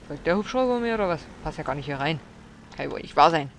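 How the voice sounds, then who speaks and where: A woman's voice: sits low, expressive, fast, slight background noise. A woman giving blind let's play commentary, swearing, exclaiming and scolding the enemies aloud.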